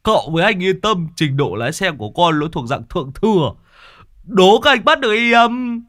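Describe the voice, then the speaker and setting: A man voicing a brash, boastful young male driver in a storybook reading, with an excitable, stammering way of talking. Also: mid-range voice, measured pace, dry recording, clean studio sound, voice pushed up, close to an everyday voice.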